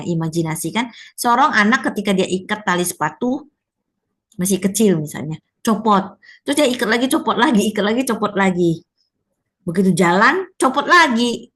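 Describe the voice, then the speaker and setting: A woman's voice: mid-range voice, fairly bright tone. Female workshop speaker, conversational teaching talk, mid-range voice, keeps checking in with the room through tag questions. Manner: chatty, frequent rhetorical tag questions.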